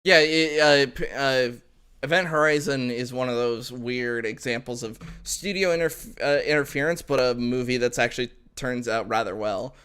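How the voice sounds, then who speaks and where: A man co-hosting a podcast, chatting casually in an animated, teasing and profane way. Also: mid-range voice, normal speed, clean tone. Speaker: podcast host. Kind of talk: casual chat.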